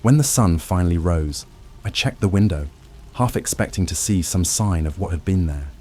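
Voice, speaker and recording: A man narrating a first-person horror story in a scripted, tense storytelling manner with dramatic pauses. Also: deep voice, expressive, warm tone, a little hiss or hum.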